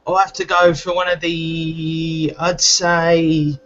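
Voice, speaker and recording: Slow, mild-mannered Englishman on voice chat. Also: on the high side, level tone, background noise. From just outside London, England. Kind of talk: casual online voice chat. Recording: lo-fi voice chat audio.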